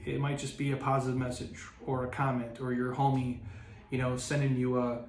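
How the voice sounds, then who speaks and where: A man's voice: mid-range voice, monotone, brisk, darkish tone. Earnest man in an echoey room. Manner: earnest, repetitive restarts, casual swearing. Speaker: podcast host. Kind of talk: motivational podcast monologue. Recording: roomy echo, faint background noise.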